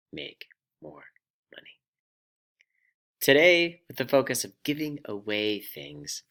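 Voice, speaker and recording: A man hosting a personal finance vlog, telling a story in an animated, self-deprecating way. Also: low voice, vocal fry. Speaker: vlog host.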